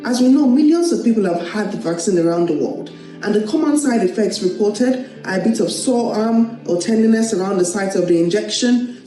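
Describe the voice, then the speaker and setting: A woman GP from Nigeria, giving an earnest, measured appeal to take the vaccine. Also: medium pitch, warm tone, very echoey, far from the mic, low-quality recording. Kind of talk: public health appeal to camera.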